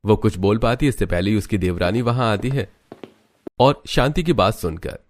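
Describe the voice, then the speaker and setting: Low-voiced male story narrator. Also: normal speed, a little hiss or hum.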